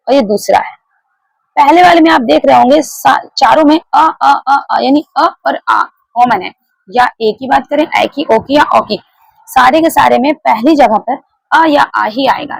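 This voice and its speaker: A woman with a high-pitched, gravelly, husky voice teaches a grammar lesson, explaining step by step, repeating key points and putting questions to her students. The classroom lecture recording is rough, with no echo.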